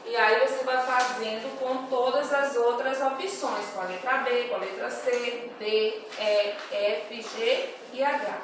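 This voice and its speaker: A woman talks young pupils through their homework answers, slowly and patiently, stretching out each word. Her voice sits a little high. She is recorded in a very echoey room, some distance from the mic, with a faint hiss. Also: fairly even intonation. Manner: slow, patient, reads words out syllable by syllable for young pupils. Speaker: primary school teacher. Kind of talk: recorded homework correction for children.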